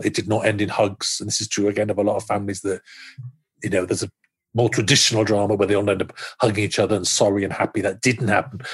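A man's voice: lowish voice, breathy edge. A middle-aged man being interviewed as a screenwriter, talking animatedly, often restarting his sentences and acting out his own thoughts. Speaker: screenwriter guest. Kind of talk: podcast interview conversation.

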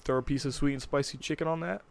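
A man's voice: a little high, fairly even intonation, fast talker, gravelly. Man, podcast co-host, enthusiastic, filler-heavy, casual studio chat.

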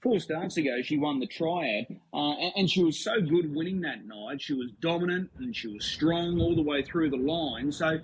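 A man's voice: on the high side, lively intonation, normal speed, few pauses. A man with an Australian accent conducting a sports interview on racing, putting articulate questions packed with facts. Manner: articulate, fact-heavy questioning. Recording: dull lo-fi audio with noise.

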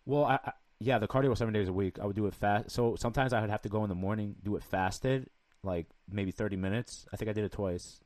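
A man's voice: on the low side, quick pace, a little mellow, no room sound. A young man chatting casually like a frat bro, with lots of slang and swearing. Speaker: podcast guest. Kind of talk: casual chat.

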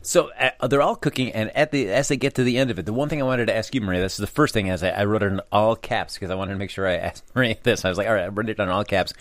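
A man co-hosting a casual chat show, talking quickly and loosely. He rambles, restarts and laughs at himself. The sound is close and dry, with no room around it. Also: lowish voice, a bit bright, dry recording. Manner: rambling, self-deprecating, laughs often. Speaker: co-host.

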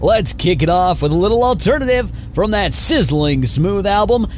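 A man's voice: high voice, normal speed, a little hiss or hum. An actor playing a brash, showy male radio DJ in a post-apocalyptic game, delivering on-air patter. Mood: upbeat showmanship. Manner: showy, animated announcer delivery. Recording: music behind the voice.

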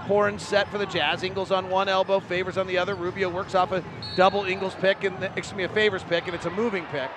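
A man doing live play-by-play for a basketball broadcast, rattling off short clipped calls and rising to shouts on big plays. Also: high voice, level tone, fast talker, noisy background. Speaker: play-by-play commentator.

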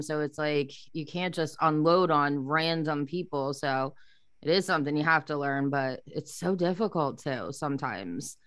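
A woman's voice: low-pitched, fairly bright tone, clean tone, no echo. A young adult woman hosting a podcast, chatting candidly and telling stories. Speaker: podcast host. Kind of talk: casual conversational interview.

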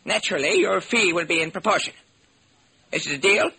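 A wicked old millionaire with a high, pinched voice. He sounds husky and shrill, like an old-time radio villain. His tone stays bossy and gleeful. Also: expressive, fairly quick, sharp tone, heavily acted. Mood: scheming. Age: older. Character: eccentric old male millionaire, wicked and gruff. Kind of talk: 1940s radio acting.

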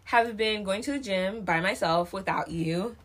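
A woman's voice: mid-range voice, moderate pace. A woman co-hosting a podcast in casual chat, chatty and joking, laughing often as she talks. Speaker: podcast co-host.

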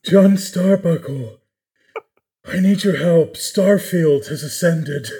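Goofy character voice talking into a mug, muffled, hollow, slow drawl, higher pitch, put on by a man. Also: vocal fry, dark tone. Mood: hammy. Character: goofy male comedy character calling in. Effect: muffled, spoken into a mug. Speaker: comedy segment character.

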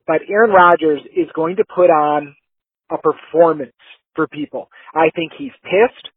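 A man on a podcast, talking fast and emphatically with plenty of fire. His voice sits a bit high and sounds husky. It comes through a tinny, phone-like line with no room sound. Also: no room sound. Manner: fired-up, emphatic predictions. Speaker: podcast co-host. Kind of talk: sports podcast chat.

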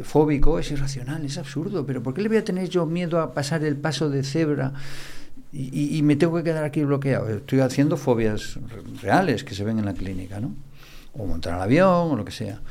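Older guy, gravelly voice, psychiatrist lecturing on a podcast, hammers key words over and over. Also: mid-range voice, dark tone. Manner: didactic, repeats key words for emphasis. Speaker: psychiatrist guest. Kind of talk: explanatory podcast interview.

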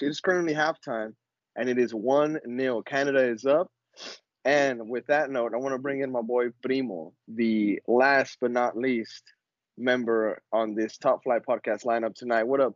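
A man's voice: mid-range voice, dry recording. A man hosting a casual sports podcast with slangy frat-bro talk full of "yo", "bro" and "fam". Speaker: podcast host. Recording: slightly dull, close dry lo-fi sound.

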